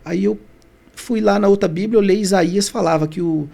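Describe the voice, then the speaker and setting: A man's voice: high-pitched, fairly quick, creaky, dark tone. A Brazilian man, a guest on a podcast, telling a personal story with emotion, often restarting his sentences and acting out the voices of the people in it. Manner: emotional retelling, many restarts, acts out quoted voices. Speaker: podcast guest, barbershop founder.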